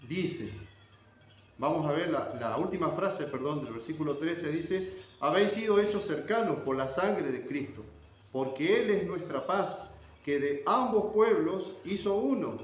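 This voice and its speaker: An Argentine man gives a sermon with a fairly high voice, teaching scripture line by line and pausing to check that his listeners follow. The room around him rings with heavy echo, and a faint hum of noise sits underneath. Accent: Argentine Spanish. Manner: explains verse by verse, checks in with "¿sí?". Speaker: preacher.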